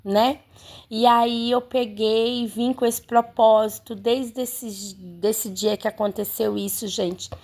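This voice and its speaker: Chatty woman with gravelly fry. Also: fairly high pitch, fairly even intonation, takes it slowly, a little mellow. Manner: chatty, keeps addressing viewers, many fillers. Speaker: home seamstress vlogger. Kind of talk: casual storytelling to viewers.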